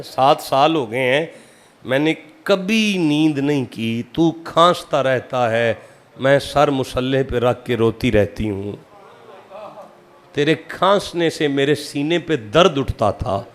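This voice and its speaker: A man from Pakistan, preaching a sermon and telling a story that swings from hushed tones to shouting. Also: fairly high pitch.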